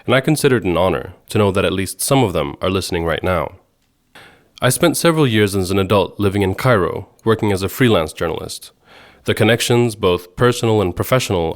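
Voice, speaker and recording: A man from Sweden hosting a podcast, giving measured, earnest scripted narration. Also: fairly low pitch. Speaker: podcast host.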